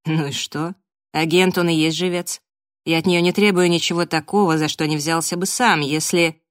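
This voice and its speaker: A woman voicing a sly, scheming male detective boss who talks slowly and coaxingly in an audiobook. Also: deep voice, fairly even intonation, no echo, studio quality, natural voice. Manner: slow, drawling, coaxing.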